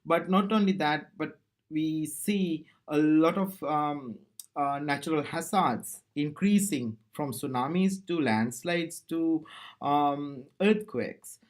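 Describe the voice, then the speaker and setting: Measured man from Sri Lanka presenting. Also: a little high. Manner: measured, with frequent um fillers. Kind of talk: recorded conference discussion.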